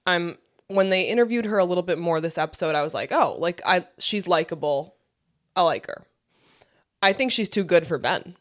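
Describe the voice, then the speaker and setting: Early-thirties woman, casual podcast co-host, lower pitch, chatty and full of asides. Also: animated, normal speed. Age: 30s. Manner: chatty, lots of "like" and quoted asides. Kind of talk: casual chat.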